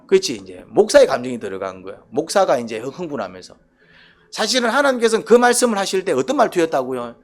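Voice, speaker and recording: A male pastor preaching a sermon in a church, animated, often asking the congregation questions. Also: on the high side, fast.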